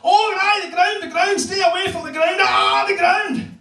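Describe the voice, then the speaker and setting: A shrill, high old Hebridean granny, bitter and theatrical, as a man puts her on. She has a Scottish island accent and shrieks her lines. The sound is echoey and far from the mic, as in a club room. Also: fairly even intonation, normal speed, bright, forceful tone. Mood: panicked.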